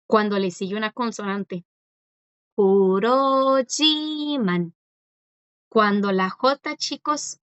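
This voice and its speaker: Patient woman teacher, slightly high voice. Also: a bit bright, clean tone, no echo. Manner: patient, repetitive, checks in with the class often. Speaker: language teacher. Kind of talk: live class explanation. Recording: dry, dull lo-fi sound.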